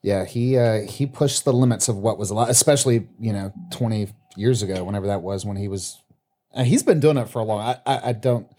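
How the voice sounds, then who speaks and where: A man in casual podcast chat, rambling and profane, with halting restarts. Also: fairly low pitch, mellow. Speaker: podcast co-host.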